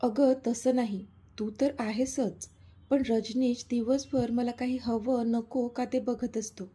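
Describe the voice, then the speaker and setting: Woman doing a gentle old dad, worried and kind, husky mellow voice, audio story. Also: on the high side, fairly even intonation, slow pace. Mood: caring. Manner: gentle and caring. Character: elderly kindly father, caring and concerned.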